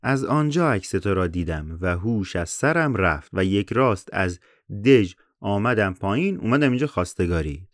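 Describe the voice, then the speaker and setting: A man's voice: on the low side, animated, dry recording, clean studio sound, lightly acted. A man voicing a lovestruck young traveler. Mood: earnest.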